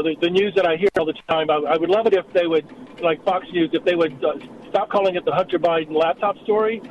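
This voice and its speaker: A man calling in to a radio talk show over the phone, telling a rambling story in a casual way. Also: high-pitched. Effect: heard over the phone. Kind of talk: casual call-in chat. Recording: muffled phone line with background noise.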